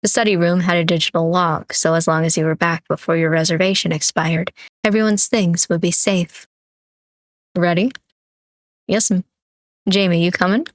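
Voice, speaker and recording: A young woman streamer reads a story game aloud, relaxed, with casual asides and small slips. Her voice sits on the low side, and the recording is close and dry. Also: no room sound. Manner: relaxed, with asides and self-corrections. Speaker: streamer reading a visual novel.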